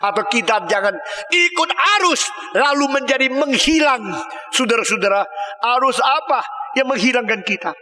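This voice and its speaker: An older male pastor delivers an impassioned sermon in a high, bright, ringing voice. He swings from loud exclamations down to low murmurs. The sound rolls through a large hall with long reverb. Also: expressive, moderate pace, soft background music.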